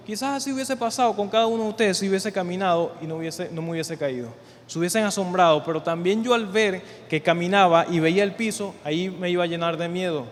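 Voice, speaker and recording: High-voiced preacher in a hall. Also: male voice. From Venezuela. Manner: conversational, repeats words while building points. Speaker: church leader preaching. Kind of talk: sermon. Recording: reverberant hall with faint noise.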